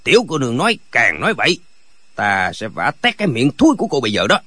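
A man's voice: mid-range voice, huge pitch swings, quick pace, a bit bright, slightly rough, no echo, full character voice. A man voicing a boastful, hot-tempered rogue who threatens and blusters in an audiobook. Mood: blustering.

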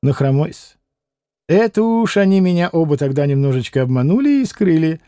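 A man's voice: on the high side, sing-song, moderate pace, mellow, clean tone, dry recording, studio quality. A man voicing a fawning, talkative old landowner who tacks a deferential "-s" onto his words. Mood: ingratiating. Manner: ingratiating, adds deferential "-s" to words. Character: fawning old petty landowner, chatty fibber.

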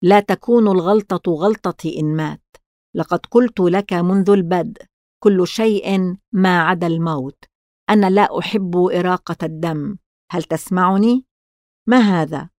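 A woman's voice: fairly low pitch, moderate pace, darkish tone, no echo, studio quality, lightly acted. A woman reading the part of a sinister, sneering stranger who scares easily, in a storybook reading. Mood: frightened. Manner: sneering, curt. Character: sinister mysterious man, sneering and easily frightened.

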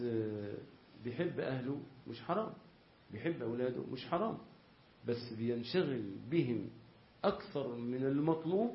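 Egyptian sheikh teaching in an echoing room. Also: male voice, mid-range voice. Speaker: religious teacher. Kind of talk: religious lesson explaining a classical text. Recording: roomy, slightly dull lecture recording.

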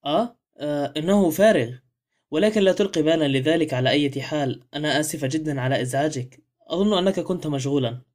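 A man's voice: fairly high pitch, quick pace, darkish tone, natural voice. A man voicing a confident young wife who reasons things out, in a read-aloud novel. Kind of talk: audiobook character reading.

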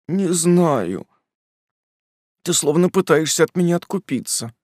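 Audiobook role: man doing a high, sobbing young woman begging her fiancé, voice breaking, dry booth sound. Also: animated, normal speed, husky, no echo. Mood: pleading, tearful. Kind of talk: audiobook dialogue.

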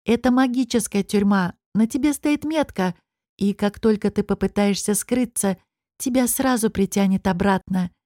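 A gloomy young guard brother from a fantasy audiobook, earnest and cautious as he warns a prisoner, voiced by a woman reader. The voice sits mid-pitch. The recording is close and dry. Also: normal speed, dark tone, no echo, close to an everyday voice.

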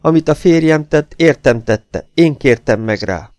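A man's voice: a little high, expressive, darkish tone, no echo, studio quality, pitched above the performer's own voice, natural voice. A man reading an audiobook, voicing a frightened middle-aged housekeeper woman who pleads anxiously for her family. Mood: pleading.

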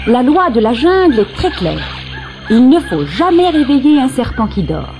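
A woman narrating a children's storybook cassette with an expressive storytelling cadence. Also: high voice, normal speed. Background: background music.

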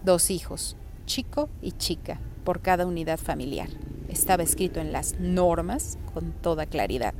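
A woman calmly reading a chapter of a novel aloud, narrating in a steady way. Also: lowish voice, normal speed, a little hiss or hum. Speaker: reader.

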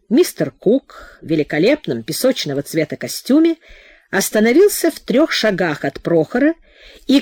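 A woman reading a novel aloud in expressive audiobook narration. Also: mid-range voice, dry recording, clean studio sound. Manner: expressive storytelling. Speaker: audiobook reader.

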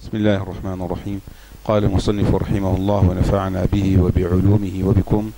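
A man, a student, reading a classical legal passage aloud in a plain, steady recitation for the teacher to explain. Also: low voice, fast talker, rough recording.

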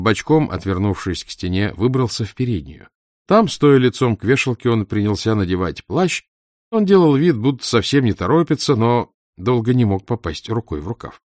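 A man's voice: fairly low pitch, darkish tone, no room sound, studio quality. A man narrating a children's story for an audiobook, reading it expressively.

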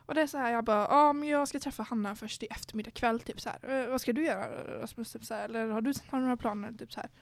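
Speaking with few pauses, a young woman with a slightly high voice and vocal fry hosts a podcast. In her casual chat she tells a story, performing the quoted lines of the people involved.

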